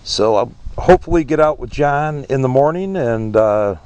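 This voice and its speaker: A man's voice: mid-range voice, animated, moderate pace, darkish tone, smooth, dry recording, rough recording. A man narrating his finds in a casual, understated vlog style, recorded outdoors on a handheld camera. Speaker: metal detecting hobbyist, vlogger. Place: outdoors, grassy ground by a parking lot. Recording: outdoor ambient noise, faint insects.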